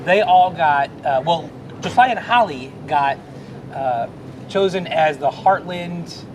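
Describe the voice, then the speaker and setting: Middle-aged man, warmly earnest, rambling, high voice, steady rumble behind. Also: slow pace. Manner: earnest, emotional, rambling with restarts. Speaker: Salvation Army officer. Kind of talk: casual chat. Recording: noisy background rumble.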